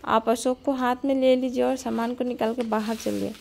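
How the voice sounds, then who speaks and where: A woman voicing a patient, dutiful young daughter-in-law from a poor family in a cartoon story, speaking calmly. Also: on the high side, normal speed, vocal fry, a little hiss or hum. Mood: urgent.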